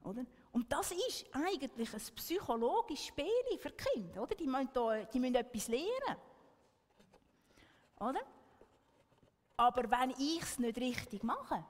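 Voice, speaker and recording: A woman's voice: sits high, very animated, unhurried, long pauses, big-room sound. A woman giving an earnest talk to an audience, often checking in with a questioning "right?". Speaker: speaker.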